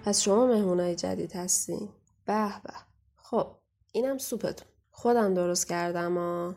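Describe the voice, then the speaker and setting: A woman's voice: on the low side, mellow, soft background music. Sima, woman playing a scornful young waitress. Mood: teasing. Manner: scornful, taunting, bossy. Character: young female waitress, mocking, menacing, secretive. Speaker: guest voice actor. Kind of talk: audio drama acting.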